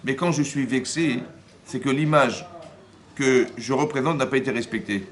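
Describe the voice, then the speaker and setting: A man, a rabbi, giving a lively Torah class, often acting out dialogue and asking his listeners whether they follow. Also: medium pitch, normal speed. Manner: acts out dialogue in first person.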